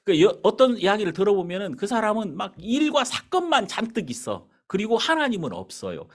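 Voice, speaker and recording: Here the pastor's voice is high and brisk. Standing in the church sanctuary, he weaves a story into his sermon, playing out its dialogue in an animated, storytelling style.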